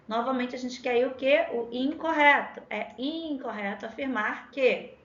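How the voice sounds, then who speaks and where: Rio-accented woman teacher, fairly high voice, drawing out syllables in an echoey lo-fi room. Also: a bit bright. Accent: Rio de Janeiro Portuguese. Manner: spells out words sound by sound, drawn-out syllables. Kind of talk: exam-prep lesson.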